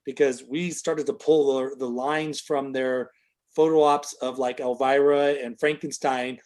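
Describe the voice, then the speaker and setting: A man's voice: mid-range voice, level tone, a little slow, a little mellow. A middle-aged man telling a long, casual story as an interview guest, full of fillers, and livelier when he quotes other people.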